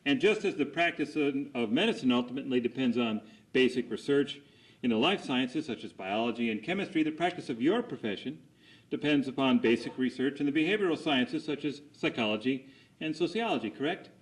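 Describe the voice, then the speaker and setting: A man's voice: mid-range voice, lively intonation, fairly quick, low-quality recording. A man conducting a cross examination as an attorney, putting formal, methodical leading questions and seeking agreement after each statement.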